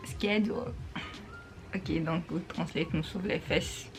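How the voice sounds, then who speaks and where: A woman's voice: low voice, level tone, gravelly, faint music behind. Patient woman vlogger explaining pronunciation. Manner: patient, explains and repeats words slowly. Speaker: vlogger teaching English pronunciation. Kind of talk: casual explanatory vlog.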